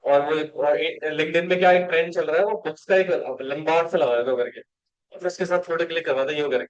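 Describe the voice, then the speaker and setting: A man's voice: on the high side, fairly quick, highs cut off. A male company law teacher, giving a classroom lecture and coaching students rhetorical questions.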